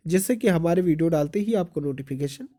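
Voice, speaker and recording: Hindi exam-prep teacher, mellow dark voice, quizzes then answers each point. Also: male voice, fairly high pitch, expressive, brisk. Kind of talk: exam-prep lesson reading notes aloud.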